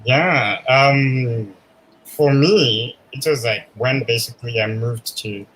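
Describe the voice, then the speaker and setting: Guest from Zimbabwe, male, bright tense timbre, animated storyteller. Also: mid-range voice, takes it slowly, a little hiss or hum, rough recording. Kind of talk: casual conversation.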